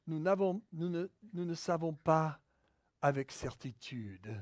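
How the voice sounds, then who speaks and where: A man preaching a sermon in French, speaking English natively, restarting words and building to near-shouting on key points. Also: a little high, expressive, slow pace, no room sound, studio quality. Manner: restarts words mid-sentence. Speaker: pastor.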